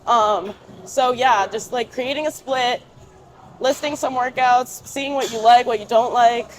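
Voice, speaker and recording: Higher-voiced young woman chatting informally. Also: unhurried, rough recording. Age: young adult. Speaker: interview guest. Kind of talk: casual conversational interview.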